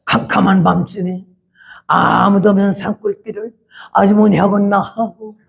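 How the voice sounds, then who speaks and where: A woman's voice: medium pitch, flat delivery, moderate pace, gravelly, close to an everyday voice. A woman in her eighties voicing a suggestive male taxi driver in her story. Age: 80s.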